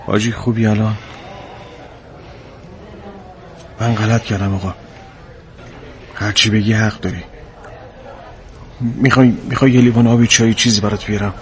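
A man's voice: lowish voice, natural voice. An actor playing a male security officer who defers to his commander and explains what went wrong. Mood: pleading. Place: hospital corridor.

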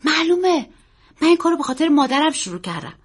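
A woman's voice: high-pitched, voice pushed up. A woman voicing an earnest, secretive young boy who talks in an urgent, pleading way. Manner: urgent, pleading, quick and excited.

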